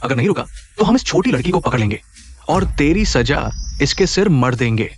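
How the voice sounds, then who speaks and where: A man's voice: a little high, big pitch swings, a little fast, slight background noise. A man voicing a blustering bully who threatens and then begs in a dubbed drama. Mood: threatening. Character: cowardly male bully, blustering then groveling. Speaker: dub voice actor. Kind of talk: Hindi drama dubbing.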